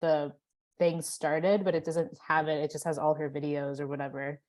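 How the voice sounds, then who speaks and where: A woman with a low voice chats on a podcast, pausing and restarting as she gathers her thoughts. Her talk is casual and tentative. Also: level tone, darkish tone. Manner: hesitant, halting with "um" and "like".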